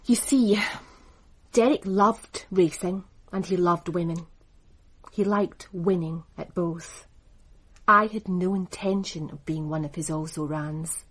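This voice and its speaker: A fairly low-pitched woman speaks slowly as an actress in a radio drama. She plays a poised woman running a racing business, cool and cutting, and keeps her delivery composed, dry and crisply assured.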